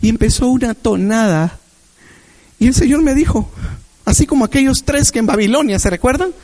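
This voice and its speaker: A man's voice: very high-pitched, darkish tone, rough recording. A man preaching a Sunday sermon in a church, sharing a personal testimony with emphatic repetition.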